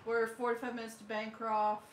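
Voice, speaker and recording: Chatty woman, bright pitch. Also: flat delivery, moderate pace, a crowd in the background. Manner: chatty, filler-heavy explainer. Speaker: homestead channel co-host. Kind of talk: casual group chat. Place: living room, indoors. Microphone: far camera. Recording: echoey room.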